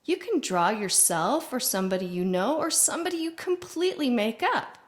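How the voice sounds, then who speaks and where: A woman teaching an art lesson to young children on video, playful and clear with sing-song greetings. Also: a little high, expressive, moderate pace.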